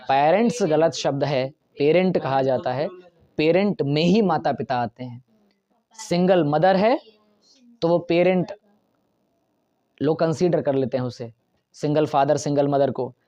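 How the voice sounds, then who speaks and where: Male grammar teacher, mellow dull sound. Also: on the high side. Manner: keeps checking if students understand; explains in Hindi mixed with English terms. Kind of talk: classroom lecture explaining grammar.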